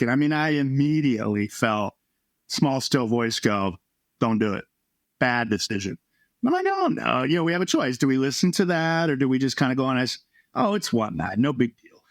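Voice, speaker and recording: A man, a former baseball pitcher, earnestly telling his personal story as a podcast guest, animated when he quotes others. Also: dry recording, studio quality.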